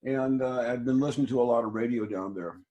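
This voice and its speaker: A man in an interview, telling a story in a halting way with many restarts and fillers. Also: mid-range voice, mellow. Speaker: interview guest, musician. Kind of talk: casual storytelling.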